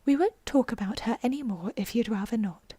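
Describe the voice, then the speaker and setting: A woman's voice: a little high, brisk, warm tone, slightly rough, no room sound. A woman voicing a polite young girl from a storybook, eager and apologetic as she chatters. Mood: hasty apology.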